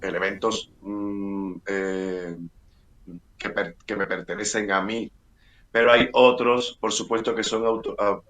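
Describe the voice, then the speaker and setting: A man's voice: fairly low pitch, flat delivery, slow pace, fairly bright tone. A middle-aged man from Cuba, an actor and playwright, answering interview questions with many fillers and restarts.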